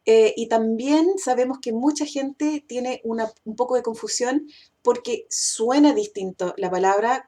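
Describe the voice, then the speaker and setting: A woman's voice: a little high, a little mellow. A woman teaching English pronunciation in a casual, explanatory way, with frequent "eh" fillers as she thinks. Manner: slows down and stretches English example words.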